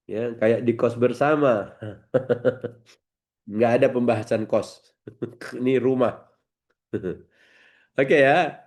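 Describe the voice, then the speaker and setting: A man preaching a lively sermon in a joking manner, acting out quick slangy exchanges. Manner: animated, jokey, acts out slangy dialogue in a high voice.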